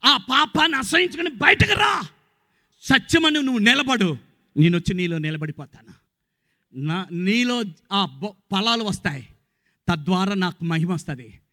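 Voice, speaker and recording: High, bright-voiced preaching pastor, man. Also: long reverb tail. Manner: call-and-response preaching, swings between shouts and low murmurs. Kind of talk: sermon. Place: outdoor gospel meeting.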